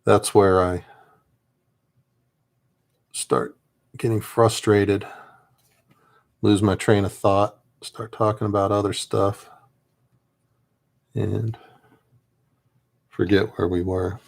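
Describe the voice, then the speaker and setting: With a lowish voice that barely changes pitch, this man talks slowly, pausing often, with vocal fry. He's an army veteran painting miniatures, rambling softly and reflectively, and sometimes his thoughts trail off.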